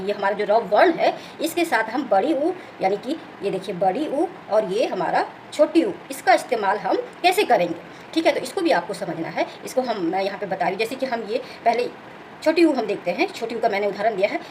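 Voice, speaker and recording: Brisk woman teacher, high-ish voice, fast step-by-step explaining, faint background noise. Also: darkish tone, low-quality recording. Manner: explains step by step, often asks "clear?" and says "okay". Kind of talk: Hindi grammar lesson.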